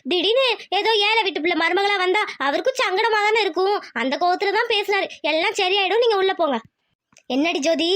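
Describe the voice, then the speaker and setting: A woman's voice: extremely high pitch, a bit bright. A woman doing a sly, gloating village aunt. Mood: soothing. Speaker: narrator and scheming relative. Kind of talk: cartoon voice acting.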